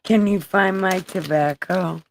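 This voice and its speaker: A woman in her forties hosting a casual livestream, loud and joking as she teases her friends. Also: fairly low pitch, measured pace, creaky, a little hiss or hum, rough recording. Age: 40s. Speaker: livestream host.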